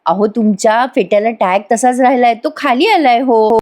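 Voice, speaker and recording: A woman reading out the lines of a shy, gentle young bride, speaking softly. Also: a little high, normal speed, close to an everyday voice.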